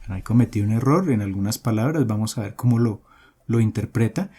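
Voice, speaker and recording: A man giving a coding tutorial, explaining step by step in a steady voice with many fillers and restarts. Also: on the low side, a little fast, husky, soft background music. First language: Spanish. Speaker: programming tutor. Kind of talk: screen-recorded coding tutorial.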